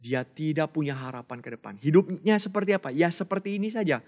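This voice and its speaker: A man preaching a Bible story to children, telling it with lively rises and soft hushed endings. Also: fairly high pitch, fast talker.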